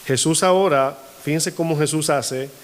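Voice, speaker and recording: A man's voice: on the high side, moderate pace. A male pastor preaching a sermon. He keeps asking his congregation questions and acts out quoted voices in a rising tone. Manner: asks the congregation frequent call-and-response questions. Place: church hall.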